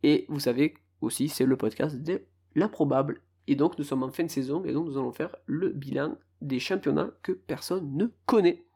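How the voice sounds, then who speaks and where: A man's voice: on the high side, moderate pace, vocal fry, hardly any pauses, mellow, breathy edge. A man hosting a casual solo podcast, rambling and self-mocking as he stumbles over foreign team names. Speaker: podcast host.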